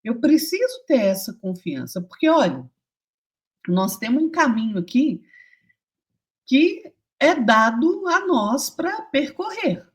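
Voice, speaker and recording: A woman's voice: high-pitched, big pitch swings, slow. A woman co-hosting a Spiritist program, explaining ideas in a conversational way and speaking straight to the audience with everyday examples. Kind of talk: conversational teaching talk.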